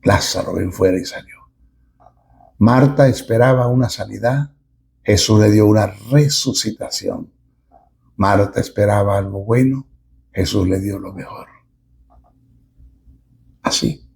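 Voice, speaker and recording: A middle-aged man preaching a sermon as a pastor, emphatic and with dramatic pauses. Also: fairly low pitch, gravelly, darkish tone, husky.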